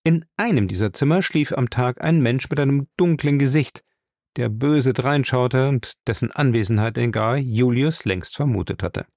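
Male narrator, gravelly, measured audiobook delivery, dry close sound. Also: mid-range voice, dry recording. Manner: steady, measured storytelling. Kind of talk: audiobook reading.

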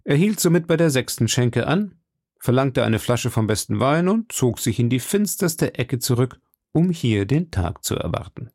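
A man reading a classic novel aloud in steady, measured scripted narration. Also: medium pitch, breathy edge, no room sound, clean studio sound. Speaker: audiobook narrator.

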